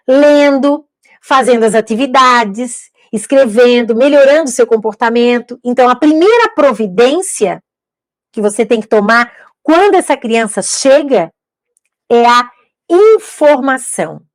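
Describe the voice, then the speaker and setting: A middle-aged woman with a high, bright voice lectures literacy teachers straight to camera. She speaks emphatically, returning to key points and posing rhetorical questions. The recording is close and dry, with no room sound.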